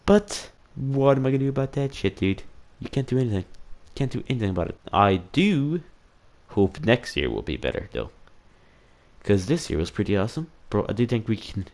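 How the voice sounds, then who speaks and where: The host of a casual year-in-review vlog has a mid-range, creaky voice with a darkish tone, talking fairly quickly and very animatedly. He rambles, curses, pokes fun at himself and keeps saying "dude."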